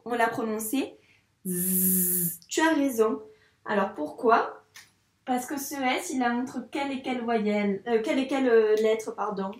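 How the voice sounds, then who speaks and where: Woman, primary teacher, patient, over-articulated, higher voice, slightly distant mic. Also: roomy sound. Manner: patient, slow, over-articulated sounds for children. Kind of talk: reading lesson for young children.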